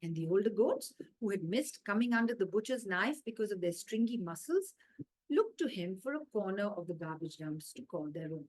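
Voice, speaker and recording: A woman with an Indian accent reads a children's story aloud, measured and expressive, using dramatic emphasis and pauses. Her voice is mid-range, and the audio quality is poor.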